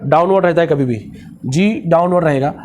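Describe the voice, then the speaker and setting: A man's voice: fairly high pitch, brisk, a little mellow, slight background noise. A man teaching a physics lecture with a Marathi-influenced Hindi accent. He mixes English technical terms into his speech, asks the class questions and answers them himself.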